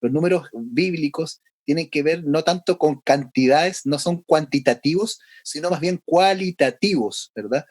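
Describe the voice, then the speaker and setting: A male pastor giving a conversational Bible lesson, often pausing for tag questions and restarting his sentences. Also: on the high side, a little mellow, no echo. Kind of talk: sermon.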